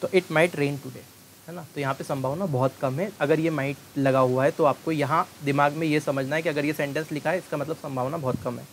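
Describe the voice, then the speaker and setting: A man teaching English grammar in an exam-prep video lesson, explaining in Hindi and reading English example sentences slowly and with emphasis. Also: fairly high pitch, fairly even intonation, rough recording. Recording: faint hiss.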